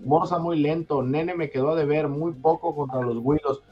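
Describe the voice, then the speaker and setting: A man's voice: a little high, fairly even intonation. A man, hosting a casual sports chat and reading listener messages aloud in a joking way. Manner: joking, reads messages aloud in a quick, loose way. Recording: slightly dull sound, faint music behind.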